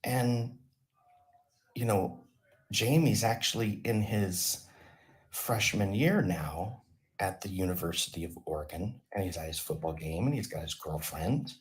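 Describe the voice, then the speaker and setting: Slow, deep-voiced man telling absurd stories. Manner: absurd, deadpan, off-the-cuff. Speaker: channel host. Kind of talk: rambling comic storytelling.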